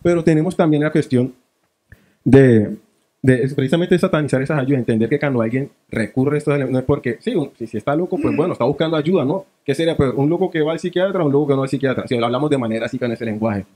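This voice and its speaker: A panelist with a San Andrés Archipelago accent talks at a brisk clip in a dark, mellow voice. He thinks aloud in short bursts, mixing Spanish with island creole English, and his pitch sits in a middling range. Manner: rapid, searching speech that switches between Spanish and island creole English. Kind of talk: panel discussion.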